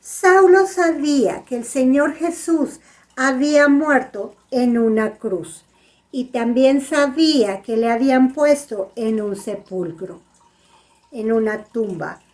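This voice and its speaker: A woman telling a Bible story to children, gently asking them questions as she goes. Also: high voice, slow pace. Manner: gentle, asks the kids "¿sabes?".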